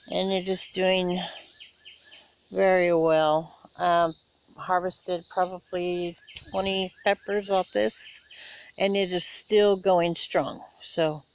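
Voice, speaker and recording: A woman giving a casual, unhurried tour of her backyard garden, filming with a handheld camera outdoors and talking with many fillers and pauses. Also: fairly low pitch, a little hiss or hum. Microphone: handheld camera, filming as she walks. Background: faint insects and outdoor ambience.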